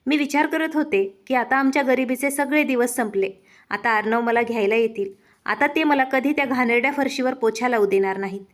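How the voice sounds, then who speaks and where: A woman's voice: a little high, a little fast. Woman telling a heartfelt story. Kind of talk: first-person emotional story narration.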